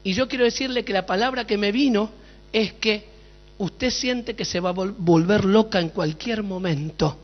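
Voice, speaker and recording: A man preaches in a very high, bright-toned voice, telling stories with flair and firing rhetorical questions at the crowd. His sermon rings through a big echoey hall, and the recording sounds dull and lo-fi. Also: moderate pace. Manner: dramatic storytelling, with sudden shouts and rhetorical questions. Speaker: pastor. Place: large hall at a conference.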